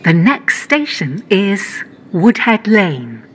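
A woman's voice: sing-song, slow pace. A woman's recorded train announcements, with the words spliced together into evenly paced phrases that have uneven joins. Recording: train announcement with loud rumble. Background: train running noise.

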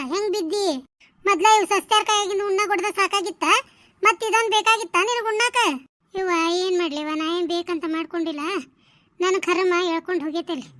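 Woman voicing shrill, sharp-tongued village gossips for a cartoon, North Karnataka Kannada accent, dry recording. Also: no room sound. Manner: quick scolding village banter, exclamatory. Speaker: voice of a cartoon series.

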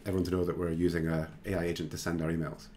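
A man hosting a screen-recorded software tutorial, talking casually and thinking aloud with plenty of fillers. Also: low-pitched, little pitch movement, very fast, slight background noise. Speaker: tutorial host.

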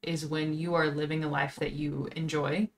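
Low-voiced woman in her twenties. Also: flat delivery, normal speed. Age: 20s. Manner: earnest, thinks aloud. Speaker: podcast host. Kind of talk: casual chat. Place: home streaming room.

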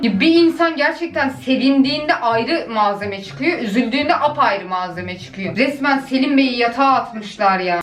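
High-voiced chatty woman vlogger. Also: far from the mic. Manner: chatty, expressive, often laughing. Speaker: vlogger reacting to old TV clips. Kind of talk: casual reaction chat. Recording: echoey room, voice a bit off-mic.

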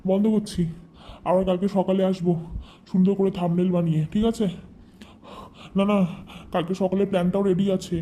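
A man's voice: high-pitched, mellow, slight background noise, lightly acted. A man playing a melodramatic, scheming young vlogger who groans theatrically in a satirical live-stream parody.

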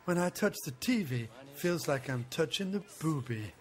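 A man's voice: a little high, animated, normal speed. A man co-hosting a casual film commentary podcast, joking crudely and breaking into silly voices. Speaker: podcast co-host. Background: film soundtrack playing.

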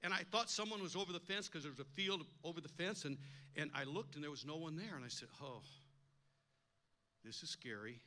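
Older man, pastor, sermon storytelling, emphatic, repeats words, bright ringing voice. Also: a little high, brisk, a little hiss or hum. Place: church.

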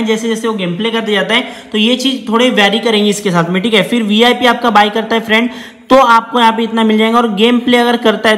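A man's voice: very high-pitched, bright, forceful tone. A man chattily walking viewers through a phone app as he taps through it, often calling them brother. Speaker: app reviewer. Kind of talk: screen-recorded app walkthrough. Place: indoor room, table with phone. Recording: echoey room with long reverb.

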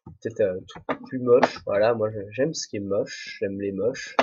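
A young man hosts a game let's play, rambling to himself and making jokes at his own expense as casual solo commentary. His voice is lowish, darkish, and slightly rough, at a normal speed. He uses a desk microphone without headphones, and the home recording sounds dull and muffled.

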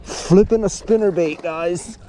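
A man filming himself fishing from a small boat on a lake, chatting excitedly and whooping as the fish bite. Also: high voice, measured pace. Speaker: fishing vlogger. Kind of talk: excited outdoor fishing chat. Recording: outdoor noise, wind and water.

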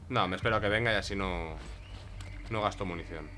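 A man's voice: deep voice, a little fast, sharp tone, a little hiss or hum. A man with a Spain Spanish accent giving casual gameplay commentary, chatty and talking to himself and his cat. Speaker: gaming YouTuber.

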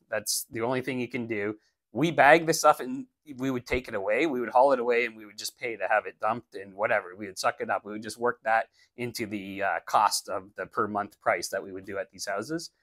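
A landscaping business owner in his forties, his voice on the low side, talks practically and bluntly to camera in a casual how-to while gesturing animatedly. He's recorded dry on a lapel mic in a small indoor studio with a plain backdrop.

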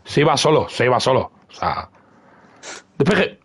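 A young man streams a football game with friends, talking nonstop in excitable, repetitive bursts. His voice is husky and gravelly, sitting a little high, and it swings widely up and down as he reacts. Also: moderate pace. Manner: excitable running commentary on his own play, repeating words. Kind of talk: live gaming stream chat with friends.

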